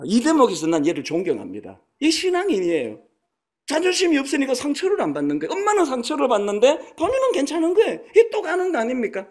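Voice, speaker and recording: In a church sanctuary, a pastor in his sixties preaches a sermon in a conversational, storytelling style, acting out the quotes. His voice is very high and darkish in tone, with huge pitch swings and a fast pace.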